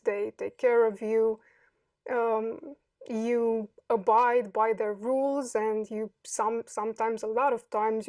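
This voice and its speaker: Woman guest, 30s, from Romania; reflective and hesitant, higher-pitched with a flat delivery, dry and distant from the mic. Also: dry recording. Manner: thoughtful, hesitant, many pauses and fillers. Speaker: podcast guest. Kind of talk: reflective interview answers.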